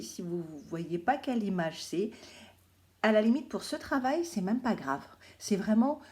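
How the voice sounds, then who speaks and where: Brief: female schoolteacher from France, patient and clear, says words slowly for young pupils. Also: on the high side, dark tone. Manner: slow, clear, repeats words syllable by syllable. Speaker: primary school teacher. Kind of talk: recorded remote phonics lesson for children.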